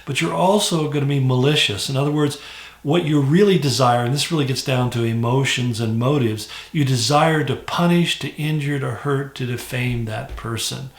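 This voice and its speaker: Male pastor, mid-range voice, relaxed devotional teaching, slight room echo. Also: medium pitch, moderate pace. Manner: conversational, with fillers and restarts.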